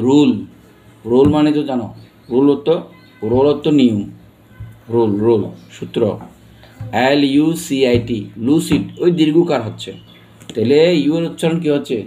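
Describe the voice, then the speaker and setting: In this classroom pronunciation lesson, a man with a mellow, mid-range voice and a Bangladeshi accent spells words letter by letter. He continually puts questions to his students.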